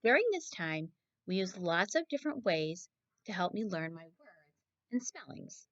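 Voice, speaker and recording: In a lowish, sing-song voice, a little slowly, a woman reads a children's picture book aloud like a teacher. Her reading is expressive, and she often turns to ask her young listeners questions. The recording is dry, with the highs cut off.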